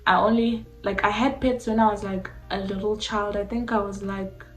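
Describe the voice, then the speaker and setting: In a relaxed question-and-answer video, a young South African woman fields personal questions from her audience, leaning on "like" over and over. Her first language combines Xhosa and Zulu, and she speaks at a moderate pace in a steady, mid-range voice. The recording has an echoey room sound with faint background music.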